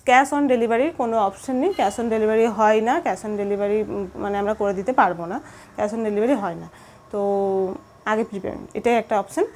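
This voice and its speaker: A woman seller walks viewers through her sarees in a casual, chatty showcase. She repeats the steps slowly and patiently, and keeps checking in with her audience. Her pitch sits in an ordinary middle range. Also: darkish tone. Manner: chatty, often asks "okay?" to viewers. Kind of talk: casual live product showcase.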